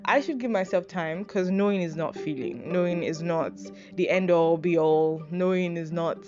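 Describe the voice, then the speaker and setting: Over music on a dull, lo-fi recording, a young adult podcast host from Nigeria speaks at normal speed in a voice on the low side, with a Nigerian accent. She rambles casually through a list of advice, poking fun at herself and using lots of fillers and swear words.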